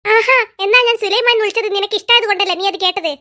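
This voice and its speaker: Cartoon aunty, middle-aged, bossy, scatterbrained, scolding, very high squeaky voice, woman doing the voice. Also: fairly even intonation, fast. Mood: smug. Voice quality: high-pitched, scolding and sharp-tongued. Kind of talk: cartoon voice acting.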